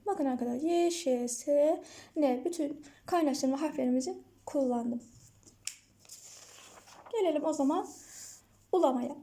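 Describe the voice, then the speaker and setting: A woman teacher explaining grammar in an online lesson, asking the class questions and answering them herself, repeating example words slowly and clearly. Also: sits high, dark tone.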